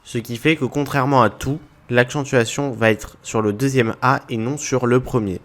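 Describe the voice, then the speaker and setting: A man's voice: mid-range voice, fairly even intonation, moderate pace. A man explaining a language point to viewers in a methodical lesson, walking through examples one by one. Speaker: language teacher.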